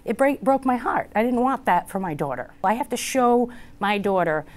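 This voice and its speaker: A woman's voice: a little high, lively intonation, normal speed. A woman student telling her story in an interview, earnest and heartfelt, with many "you know" fillers. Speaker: community college student. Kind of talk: interview testimonial.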